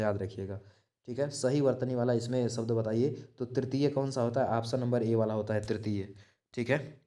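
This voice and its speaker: A man's voice: medium pitch, a little mellow. Man walking through quiz answers. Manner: repetitive, checks in with "theek hai"; restarts and self-corrections mid-word. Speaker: exam-prep teacher.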